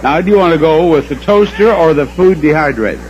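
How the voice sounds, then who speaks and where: An older man hosting a game show before a studio audience, with a measured, teasing showman's delivery. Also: fairly high pitch, lively intonation, highs cut off, noisy background. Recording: loud studio crowd and music behind. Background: loud audience and music.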